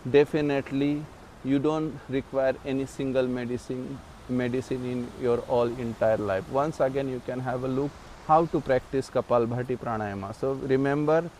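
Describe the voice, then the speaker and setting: A man's voice: mid-range voice, darkish tone. Male yoga instructor over noisy background. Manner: halting, repetitive explanations with throat clearing. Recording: clearly noisy background ambience.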